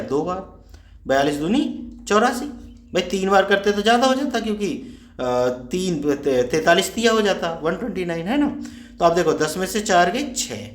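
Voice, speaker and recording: A man's voice: sits high, roomy sound. A man teaching a step-by-step maths lesson to students, talking casually and checking often that they follow.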